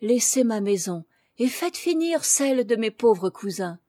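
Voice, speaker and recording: An eager little boy of seven in a storybook, as a woman reader gives him voice. He pleads in a lively, heartfelt way. The voice sits a bit high and close, with no room echo. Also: measured pace. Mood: earnest.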